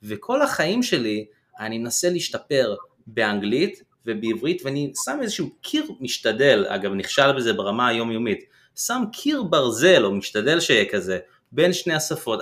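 A man making a conversational, opinionated argument in an informal way, pausing as he picks his words. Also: mid-range voice, big pitch swings, a bit bright. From born outside Israel, immigrated. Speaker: panel speaker.

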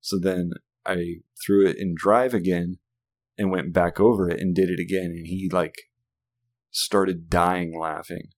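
A man's voice: low-pitched, fairly even intonation, unhurried. A man in his thirties, a father, telling a story in casual chat, laughing often and swearing casually.

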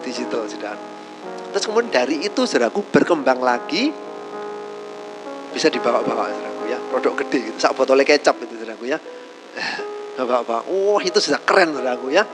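A man's voice: medium pitch, very animated, brisk, music in the background, poor audio. A man preaching a casual, joking sermon to a congregation, tagging nearly every phrase with a call to his listeners. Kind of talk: conversational sermon.

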